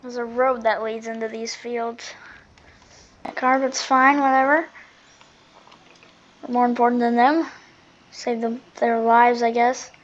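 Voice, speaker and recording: A woman giving casual, chatty gameplay commentary, often half to herself, her volume swinging between muttering and loud exclamation. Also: on the high side, little pitch movement, measured pace, pauses often. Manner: chatty running commentary, often talking to self. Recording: dull lo-fi microphone sound.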